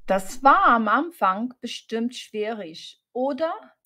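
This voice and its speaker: A woman playing a teacher in a slow scripted learner dialogue, asking clear questions. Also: fairly high pitch. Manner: clear, repeated phrasing with lively questions.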